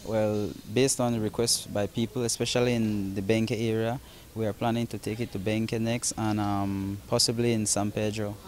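A young concert promoter speaks casually in an interview, full of fillers and restarts, into a handheld reporter mic in a large open hall. His voice sits on the low side with a level tone, a slightly mellow quality, and normal speed with few pauses. A little hiss or hum is audible.

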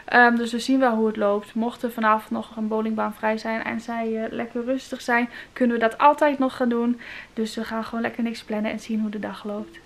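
Een jonge vrouw met een Nederlands accent die ontspannen en babbelend vlogt, met veel aarzelingen. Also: female voice, a little high, brisk. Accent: Dutch. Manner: relaxed, chatty, many filler sounds. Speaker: vlogger, new mother. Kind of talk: casual vlog chat.

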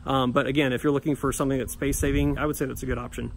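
A man's voice: medium pitch, little pitch movement, rapid-fire. A man in his thirties hosting a home maintenance vlog, talking plainly with fillers and restarts, filmed on a phone at arm's length outdoors in a suburban yard. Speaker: home maintenance channel host. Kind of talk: casual how-to vlog. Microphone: phone camera at arm's length. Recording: outdoor phone audio with clear background noise.

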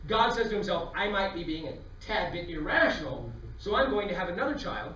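A man with a high, bright voice tells comic stories at a quick clip, acting out voices as he goes. He is heard from a distance in an echoey hall, with faint room noise behind him. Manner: animated, acts out voices while telling stories. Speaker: comedian giving a talk. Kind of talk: storytelling comedy talk. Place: lecture hall with a live audience.

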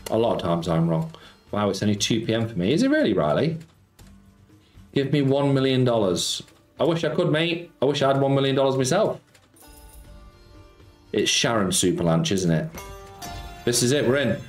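This middle-aged man from Nottingham sounds very animated at a medium pitch, keeping a moderate pace broken by long pauses. As a slots streamer, he chats casually indoors at home, reading out viewer messages and greeting them with cheeky banter. The echoey room carries faint background music.

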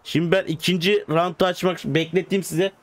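A young man giving casual gameplay commentary as a YouTuber, swinging between loud excited outbursts and low muttering. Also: a little fast. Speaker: gaming YouTuber. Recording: clear background noise. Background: game car sounds.

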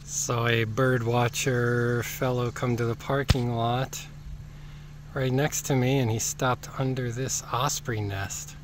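On a farm by a bay, a middle-aged hiking vlogger narrates his walk outdoors in a chatty, easygoing manner, reading signs aloud along the way. His medium-pitched voice is level and slow, with a noisy background.

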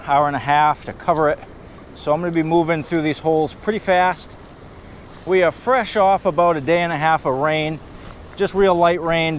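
A man with a New England accent giving upbeat play-by-play of his fishing on a river, filmed on a head-mounted camera. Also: fairly high pitch. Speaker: fishing vlogger. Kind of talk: casual outdoor narration to camera. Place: outdoors on a rocky riverbank. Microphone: head-mounted action camera. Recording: faint river and wind noise.

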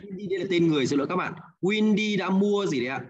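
A man's voice: high-pitched, animated, fast talker, highs cut off, over a noisy crowd. A man with a Hanoi accent teaching an English class, patiently repeating answers and checking in with the students. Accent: Hanoi Vietnamese. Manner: patient, repeats answers, ends with "đúng không ạ?". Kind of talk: online class, guiding students through exercises.

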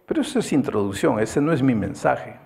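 A middle-aged male pastor preaching a sermon with emphatic, repetitive phrasing that swings between low, quiet lines and high, urgent peaks. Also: very animated, a little fast, creaky, husky. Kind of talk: evangelistic sermon.

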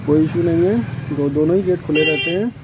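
A man's voice: a little high, fairly quick, noisy background. A young man from India with a Farrukhabad Hindi accent, chatting casually as a vlogger while he walks viewers through a crowded shrine courtyard at night. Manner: chatty, points things out to viewers. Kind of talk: casual walking tour vlog. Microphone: handheld phone camera.

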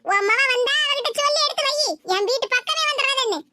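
A hot-tempered cartoon neighbour woman who lays down the law with sharp threats in Tirunelveli Tamil, as a voice actor plays her. Her voice is very high-pitched, and there is a constant layer of noise behind it. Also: fast. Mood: angry. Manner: scolding, threatening, loud. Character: angry, scolding middle-aged neighbour woman. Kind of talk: cartoon voice acting.

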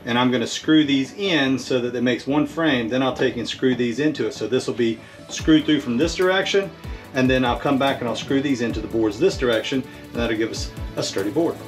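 A man's voice: mid-range voice, fairly quick, soft background music. A middle-aged man, host of a homesteading channel, explaining step by step in a casual, practical way while filming himself outdoors beside a chicken coop. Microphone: handheld camera at arm's length.

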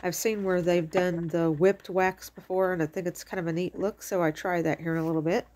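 Speaking a little fast with fairly even intonation, this middle-aged crafting host has a lowish, slightly mellow voice that sounds a bit congested from allergies. She chats casually from her home kitchen through a craft tutorial, wandering off topic and leaning on lots of fillers.

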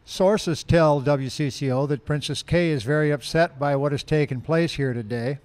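A man's voice: on the high side, normal speed, a little mellow. Middle-aged man doing a mock field report. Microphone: handheld mic.

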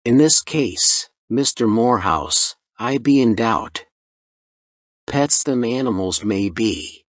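A man's voice: mid-range voice, lively intonation, slow pace, no room sound, clean studio sound. A man voicing a stubborn male express agent in a storybook reading, speaking firmly. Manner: firm and stubborn.

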